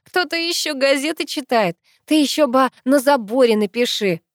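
A woman's voice: sits high, expressive, moderate pace, no echo, studio quality, pitched above the performer's own voice. A woman voicing a cheeky, teasing teenage girl in an audiobook. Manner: sassy, teasing. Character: cheeky teenage girl, the narrator's younger sister.

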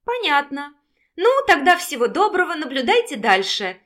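A woman's voice: sits high, very animated, moderate pace, pitched above the performer's own voice. A woman voicing a feisty sarcastic young heroine. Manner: sarcastic, indignant, loud. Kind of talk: audiobook character voicing.

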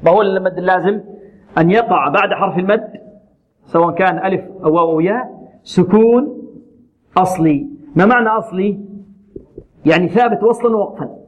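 A man teaching Quran recitation, modelling letters and syllables slowly and repeating them, and posing questions to his students. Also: sits high. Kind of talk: tajweed lesson with recited examples. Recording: muffled lo-fi recording.

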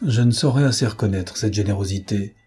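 Lovestruck young officer, earnest, dark husky voice, read by a man. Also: on the low side, a little fast. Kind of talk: audiobook character reading.

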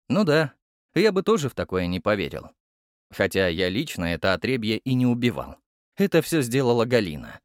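A man narrating an audiobook in an expressive storytelling manner. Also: medium pitch, dry recording, studio quality. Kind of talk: scripted narration.

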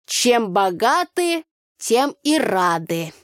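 A woman's voice: on the high side, animated, unhurried, no room sound, clean studio sound, pitched above the performer's own voice. A woman voicing a brash, chatty village girl who speaks in folk sayings. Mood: boisterous. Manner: brash, loud, chattering in proverbs.

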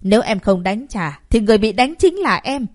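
A woman voicing a proud young female martial artist who talks back forcefully and indignantly. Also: on the high side, expressive, brisk, pitched above the performer's own voice.

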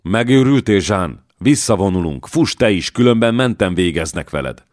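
A man's voice: low voice, sing-song, dry recording, studio quality. Man doing a frantic, pleading squire. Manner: urgent pleading shouts. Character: frightened loyal male squire, pleading.

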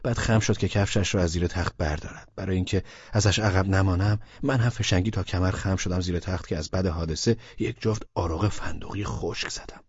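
A man's voice: sits low, fairly even intonation, darkish tone, breathy edge, dry recording, muffled recording. A man narrating a first-person audiobook in a wry, colloquial storytelling manner.

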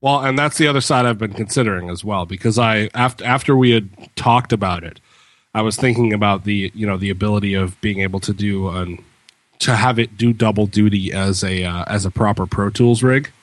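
A man's voice: fairly low pitch, a little fast, no echo. A man chatting casually about tech as a podcast co-host, in an informal, talkative way. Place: room with bare walls, slightly reverberant.

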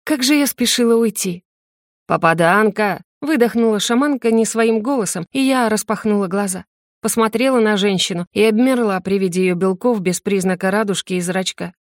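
Woman, audiobook narrator, first-person fantasy story, gentle, expressive, medium pitch, dry close sound. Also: fairly quick, no room sound.

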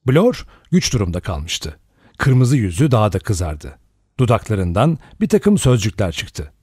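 A male audiobook narrator reading in a measured, steady way with an animated, lively pitch. The recording is dry and close, with no room sound. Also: husky, dry recording. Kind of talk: scripted narration.

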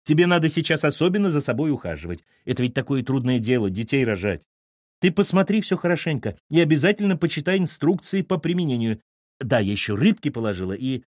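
A man's voice: mid-range voice, sing-song, fast, a little mellow, no echo, clean studio sound, voice pushed up. A man voicing a bossy, no-nonsense aunt, a nurse, who lectures the family in an audiobook. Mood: fussing.

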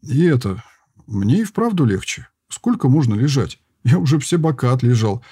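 A male reader gives voice to a boy getting over an illness. He is curious and prickly, and he snaps back when pushed. His voice is lifted and husky, with a lively rise and fall. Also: mid-range voice, moderate pace, no echo, studio quality. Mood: snappy.

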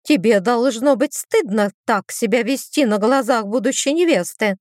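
A woman voicing a haughty young female demon sister who squeals her indignant exclamations in a raised, shrill voice. The lines are read close to the microphone, with no room sound. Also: expressive, moderate pace, no room sound, close to an everyday voice.

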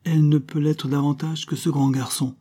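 A man voicing a brisk, motherly middle-aged woman who answers sharply. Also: on the high side, little pitch movement, mellow, husky, voice pushed up. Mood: retorting. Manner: brisk, retorting.

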